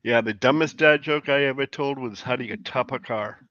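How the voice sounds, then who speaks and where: A man's voice: medium pitch, a little fast, a bit bright, no room sound, highs cut off. A man chatting casually on a livestream, speaking without his teeth in. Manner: toothless speech, talking without his teeth in. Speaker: livestream chat participant. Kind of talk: casual chat.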